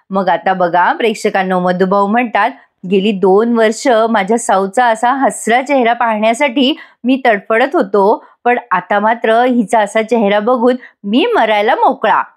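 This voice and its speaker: Marathi lady doing a chatty recap of a serial, voice on the high side, laughs a lot. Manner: chatty, laughs often, reads out the characters' lines. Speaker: serial review narrator. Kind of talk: casual voice-over recap.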